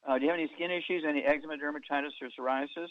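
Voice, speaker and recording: A man hosting a call-in health radio show, firing quick yes-no questions at callers and giving folksy analogies, taped off the radio. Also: on the high side, steady tone, dry recording. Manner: quizzes callers, many "okay"s, folksy analogies. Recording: dull radio broadcast taped off air.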